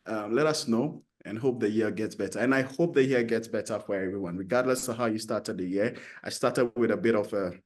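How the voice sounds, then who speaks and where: A man from Ghana hosting an online entrepreneurship forum over a video call, energetic and encouraging, talking in a chatty way with restarts. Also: lowish voice, a little fast, few pauses. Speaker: host.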